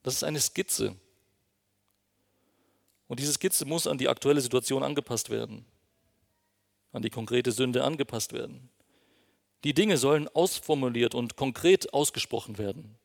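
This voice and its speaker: A man's voice: mid-range voice, normal speed, gravelly, pauses often. A man preaching a sermon, earnest and emphatic, speaking directly to his congregation. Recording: long reverb of a hall.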